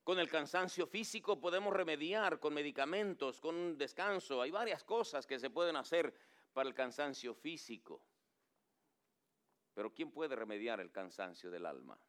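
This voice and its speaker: Male pastor with a smooth, resonant voice, preaching with dramatic hushed drops. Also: a little high, animated, moderate pace. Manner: acts out pleading quotes in a raised voice. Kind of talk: sermon.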